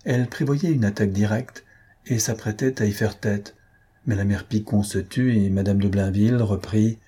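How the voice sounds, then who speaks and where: Low, husky male audiobook narrator. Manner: measured, even narration. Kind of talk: audiobook reading of a novel.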